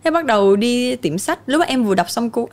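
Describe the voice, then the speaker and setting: A woman's voice: on the high side, lively intonation, fairly quick. A young woman, a podcast guest talking candidly and laughing easily in casual chat.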